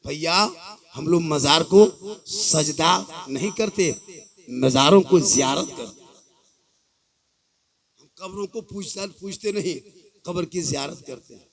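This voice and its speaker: A man in his fifties with a Jharkhand Hindi accent, preaching to a crowd on a microphone, shifting from quiet reasoning to shouted, sung declamation with humorous rhetorical questions. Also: on the high side, slow pace, vocal fry, pauses often. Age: 50s. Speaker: Islamic preacher. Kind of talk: sermon to a crowd. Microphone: mic through a loudspeaker system.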